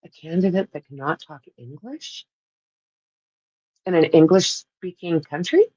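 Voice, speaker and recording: This livestream host, who has a Canadian accent, rambles casually with live viewers and laughs often. Her lowish voice is warm and slightly rough, with lively intonation at a slightly slow pace, and the audio is dull with no echo.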